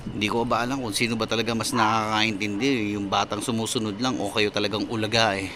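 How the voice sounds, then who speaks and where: A young delivery rider with a Filipino accent talks straight to his viewers in a casual vlog. He sounds fed up and scolding, and he leans on lots of fillers. He records outdoors on his motorbike, with loud engine and traffic noise all around him. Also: fairly low pitch, little pitch movement, fast. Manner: exasperated, scolding, filler-heavy.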